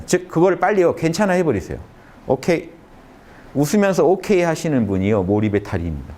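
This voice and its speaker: A man giving a lecture to young adults in a conference room, talking listeners through a calming exercise with short repeated phrases and emphatic stresses. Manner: lively, emphatic delivery with sudden rises in pitch. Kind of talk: motivational humanities lecture.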